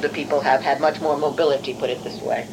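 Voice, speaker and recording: Interviewed for an oral history, a middle-aged Hungarian woman who is a university professor reflects on her career in non-native English, speaking discursively and carefully and self-correcting. Her voice is a rumbling low with a steady tone and quick pace, over a noisy background.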